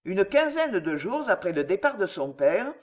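An audiobook narrator reads a classic novel in a measured storytelling manner. The voice sits at a middle pitch. The intonation moves widely and stays expressive.

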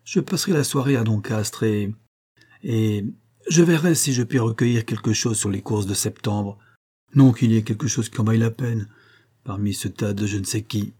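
A man's voice: lowish voice, normal speed, slightly rough. A man voicing a scornful, hot-tempered young horse trainer. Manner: contemptuous, shouting insults. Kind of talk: audiobook character voice.

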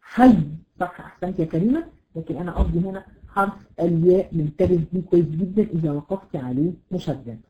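A woman with an Egyptian accent teaching a tajweed lesson, slowly drawing out example words with many fillers. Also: lowish voice, lo-fi sound. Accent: Egyptian Arabic. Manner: patient, drawn-out example words, frequent fillers. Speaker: Quran recitation teacher.

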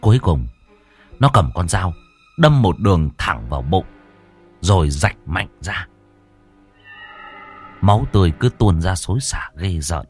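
Husky, lively storyteller. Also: male voice, sits low, measured pace, pauses often, faint music behind. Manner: expressive, theatrical delivery. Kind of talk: dramatic horror story narration.

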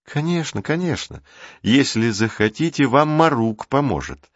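A man's voice: lowish voice, very animated, measured pace, no room sound. A man reading the part of a kind, obliging woman assistant, in a dry, dull recording. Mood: gentle.

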